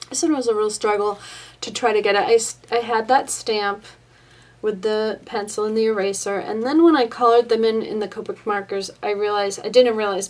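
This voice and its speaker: A woman's voice: medium pitch, far from the mic. Chatty woman, a bit off-mic. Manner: chatty, loose, with frequent ums. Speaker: paper crafter showing her swap cards. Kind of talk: casual craft show-and-tell. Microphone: camera pointed at her hands, away from her face.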